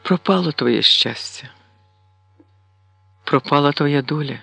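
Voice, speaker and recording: A lamenting old village woman speaks in an aggrieved, reproachful tone, as a male narrator puts her on. She talks slowly and a little high, in a dry, close recording. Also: gravelly, pushed and bright, slightly rough, dry recording, exaggerated voice.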